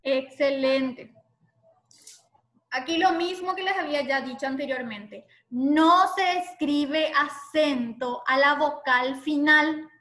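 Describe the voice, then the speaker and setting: High voice, bright tone, woman, online class, patient, slow explanation. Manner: patient, spells out sounds slowly. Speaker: teacher.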